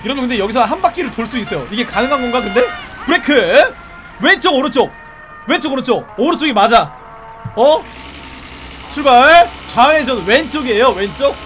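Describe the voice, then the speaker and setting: A man streaming a driving game live, talking to his viewers and breaking into excited, repeated shouts. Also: very high voice, a little fast, soft background music.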